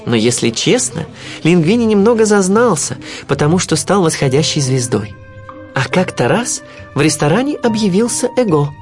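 Animated male storybook narrator. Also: a little high, moderate pace, soft background music. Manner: expressive, first-person storytelling.

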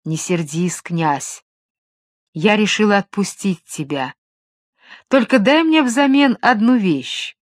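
A woman voicing a sly, seductive mermaid who speaks gently and coaxingly. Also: medium pitch, animated, slow, dry recording, studio quality. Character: seductive sly female mermaid, soft-spoken.

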